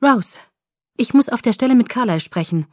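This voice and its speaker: A woman voicing a quick, sharp-tongued young woman in an audiobook, speaking hastily in a raised, cutting voice. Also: mid-range voice, no room sound, studio quality, close to an everyday voice. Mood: urgent. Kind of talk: audiobook character reading.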